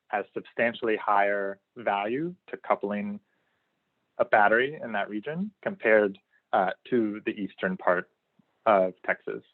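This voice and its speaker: Lower-pitched male researcher, slightly worn voice, explains data in a webinar; tinny phone-like line. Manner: explanatory, frequent fillers and restarts. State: losing his voice a little. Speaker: researcher presenting a study. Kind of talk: webinar presentation.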